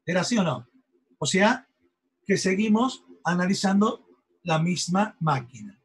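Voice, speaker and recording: A man's voice: high voice, expressive, unhurried, breathy edge, low-quality recording. A man giving an engineering lecture, explaining step by step and often checking in with his students. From Argentina. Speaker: university lecturer.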